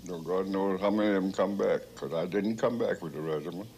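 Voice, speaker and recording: A man's voice: deep voice, fairly quick, a little mellow, slight background noise. An elderly man, an old veteran remembering his service in an interview. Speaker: war veteran.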